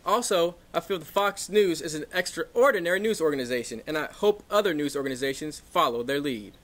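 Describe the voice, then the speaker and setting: A blustering Texan pundit, played by a man, with a high male voice. He rambles pompously in a folksy way, as a guest in a comic news parody. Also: lively intonation, fairly quick, fairly bright tone. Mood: pompously courteous. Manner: folksy, long-winded, blustering. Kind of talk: scripted news satire sketch.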